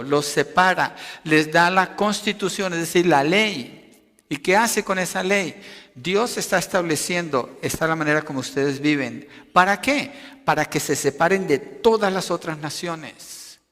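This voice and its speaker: A man preaching a sermon, emphatic, rising loud for quotations and dropping low to explain. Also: long reverb tail. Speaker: pastor.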